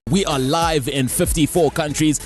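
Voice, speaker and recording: A man hosting a live radio interview, with lively, joking patter. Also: fairly high pitch, normal speed, faint music behind. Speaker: radio host. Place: radio studio.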